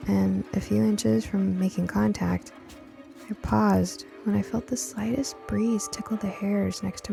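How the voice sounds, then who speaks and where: A woman narrates a scripted first-person story in the manner of a nostalgic radio drama. She is the show's narrator as well as its writer and producer, and her mid-range voice has a dark tone and vocal fry.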